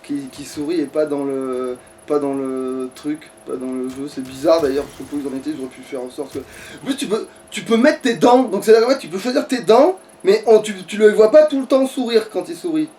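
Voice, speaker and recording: With a warm, animated, brisk voice pitched a little high, this gaming streamer gives casual let's play commentary, grumbling and swearing as he thinks aloud. A distant mic catches background noise too.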